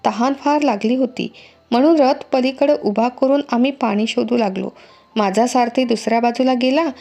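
A woman voicing a calm, courteous young king in a storybook reading, with a steady, measured delivery. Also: a little high, gravelly.

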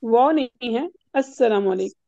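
A woman's voice: on the high side, expressive, mellow, dry recording, dull audio. A woman teaching a recitation class, patiently correcting her students' pronunciation step by step over an online call.

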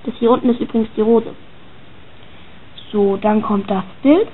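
A woman's voice: on the high side, normal speed, husky. A woman chatting casually and hesitantly as she comments on her own drawings and reads their captions aloud. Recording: tinny phone-like sound.

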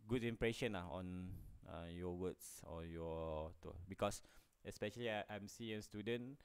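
A Malaysian man giving a recorded lecture. He pauses often with fillers and slips between English and Malay as he explains points. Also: sits low, smooth. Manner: halting, many fillers, switches into Malay.

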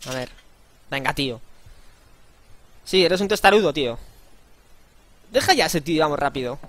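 A man's voice: fairly high pitch, expressive, normal speed, fairly bright tone, no echo. A man with a Spanish accent giving casual, playful gameplay commentary, joking and exclaiming as he plays. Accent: Spain. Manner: playful, slangy, jokes and exclaims while playing. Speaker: let's play host. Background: faint game music.

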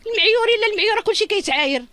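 A woman's voice: very high voice, animated, very fast, pushed and bright. A middle-aged woman with a Moroccan Arabic accent gives an emotional interview as a victim's mother, talking in an urgent, lamenting and pleading way.

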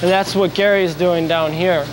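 A man in his thirties giving a steady, informative explanation of how products are made, during an on-site factory tour. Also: high voice, normal speed. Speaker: factory guide explaining brush making. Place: factory floor with machines running. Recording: noisy factory floor.

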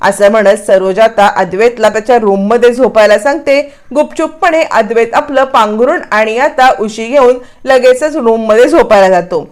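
A woman narrating a dramatic recap of a TV serial episode in a lively storytelling manner. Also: fairly high pitch, normal speed, hardly any pauses.

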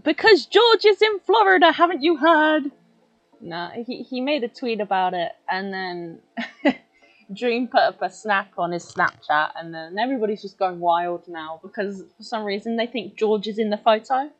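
A woman's voice: medium pitch, moderate pace. A British woman chatting casually on a drawing stream, playful and giggly, repeating words over and over. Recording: dull lo-fi stream audio with faint music.

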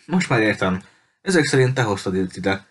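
A man reading a defiant young girl, sharp and mocking. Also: on the low side, very animated, husky. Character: defiant sarcastic young girl held captive.

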